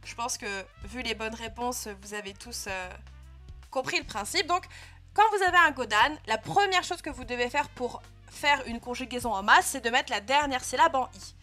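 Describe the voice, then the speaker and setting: Casting note: young female teacher, bright and fairly high voice, patient step-by-step explaining, faint music behind. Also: moderate pace. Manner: patient, clear explaining with frequent "euh" and "hein" checks. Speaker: Japanese teacher. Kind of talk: live online language lesson.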